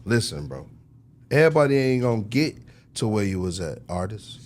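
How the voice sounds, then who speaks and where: Speaking at a moderate pace in a fairly low, very animated voice, a man chats casually in an interview as a record executive. His talk is emphatic and full of slang, with phrases repeated for effect.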